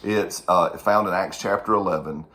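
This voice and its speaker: A man's voice: low-pitched, moderate pace, a bit bright. A man co-hosting a faith-based chat, talking earnestly in a rambling way, with restarts and chuckles. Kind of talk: casual chat, preaching.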